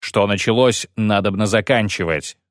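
A man voicing a gruff, weary male monster hunter who talks in clipped, grim phrases. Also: on the low side, moderate pace, dry recording, clean studio sound, close to an everyday voice.

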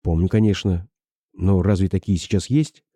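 An earnest young woman of nineteen, voiced by a male reader who speaks softly and plainly. The voice stays deep and very mellow, yet moves in lively swings of pitch. The sound is close and dry. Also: moderate pace, no echo. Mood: thoughtful.

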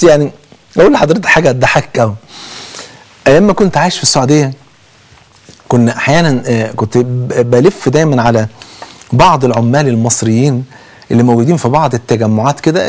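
A man with an Egyptian accent giving a conversational sermon, telling stories in an animated way and swearing oaths often. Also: a little high. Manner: animated storytelling with frequent oaths. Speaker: preacher.

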